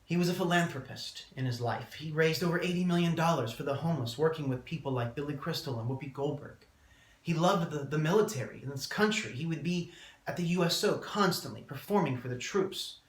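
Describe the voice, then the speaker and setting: A man delivering a prepared eulogy as a speech, solemn and measured, with deliberate pauses. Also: a little high. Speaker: student speaker giving a eulogy. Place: indoor room, public speaking class. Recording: roomy, echoing room sound.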